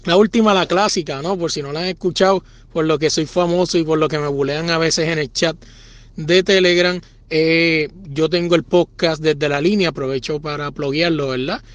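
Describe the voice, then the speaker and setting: A man's voice: fairly high pitch, fairly even intonation, moderate pace, no echo. A man with a Puerto Rican accent casually telling a crude, self-mocking story as a listener sending in to a podcast. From Puerto Rico.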